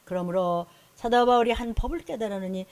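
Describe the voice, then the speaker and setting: A woman's voice: fairly high pitch, a little fast, a little mellow, dry recording. A middle-aged woman pastor preaching a sermon, emphatic, often acting out scolding voices and inner thoughts.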